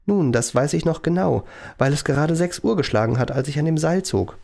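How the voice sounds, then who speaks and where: A meek, hesitant lab assistant who stumbles through his answers with fillers and pauses, as a man voices him in a storybook reading. The voice has a gravelly, creaky texture. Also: on the high side, animated, mellow. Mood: explaining. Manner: halting, with many fillers.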